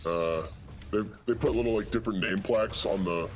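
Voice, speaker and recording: Co-hosting a gaming let's play, a man voices a laid-back, foul-mouthed demon in casual, improvised comic chat, rambling in a deadpan way. His lowish voice is fairly quick and close to his everyday speech. Video game sound effects and ambience come through clearly behind him.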